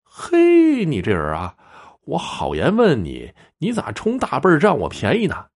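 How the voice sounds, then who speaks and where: A man's voice: on the high side, wildly swooping pitch, unhurried, pitched above the performer's own voice, heavily acted. A man voicing a fifteen-year-old village boy who talks in a whiny, indignant way.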